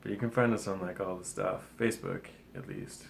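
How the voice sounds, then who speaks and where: A man's voice: deep voice, big pitch swings, a little fast, vocal fry, a little hiss or hum. A man from Canada with a Canadian accent, co-hosting a food website in a casual, joking chat. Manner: joking, laughs a lot.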